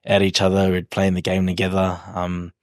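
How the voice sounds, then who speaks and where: A man's voice: low-pitched, completely flat delivery, normal speed, darkish tone, no echo, studio quality. A man in his twenties with a broad New Zealand accent, chatting casually in an interview in a laid-back, slangy, hesitant way. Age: 20s. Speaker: rugby league player, podcast guest.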